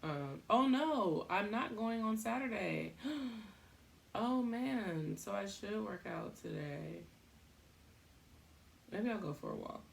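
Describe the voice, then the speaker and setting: A young woman hosting a podcast, talking in a casual, rambling way, thinking out loud and laughing at herself. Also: mid-range voice, expressive, slow, creaky, long pauses, a little hiss or hum. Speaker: podcast host.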